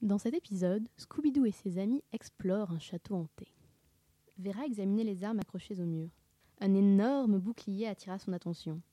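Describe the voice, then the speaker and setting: A woman reading a children's book aloud, expressive and dramatic, sometimes dropping to a hush. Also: mid-range voice, normal speed, dry recording. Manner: expressive, dramatic narration with hushed whispers. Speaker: reader.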